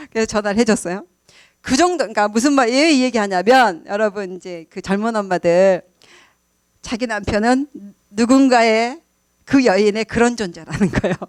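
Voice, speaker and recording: A woman's voice: a little high, no echo. A middle-aged woman giving a sermon to a congregation, telling family stories with frequent laughs and questions to the listeners. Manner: warm storytelling with frequent laughs and questions to the audience. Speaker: church speaker.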